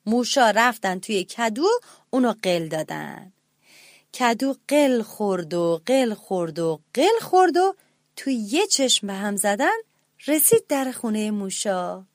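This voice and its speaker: A woman reading a children's story aloud in a gentle, expressive way and speaking directly to the children listening. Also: medium pitch, dry recording, studio quality.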